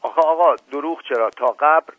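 A man's voice: on the low side, no room sound, lightly acted. A man voicing an evasive, folksy old male servant who hedges and grumbles under his breath, in an audiobook reading. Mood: pleading. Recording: narrow phone-like radio recording.

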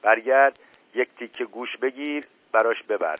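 Testy older uncle, head of the family, read by a man; dry, raspy, narrow radio sound. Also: mid-range voice, no room sound, close to an everyday voice. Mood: furious. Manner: scolding, indignant. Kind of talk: audiobook reading. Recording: narrow phone-like radio recording.

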